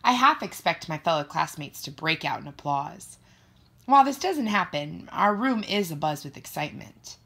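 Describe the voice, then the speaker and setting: A woman narrating a first-person children's story in an expressive, playful way. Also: low-pitched, normal speed, vocal fry, slightly rough. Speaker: audiobook narrator.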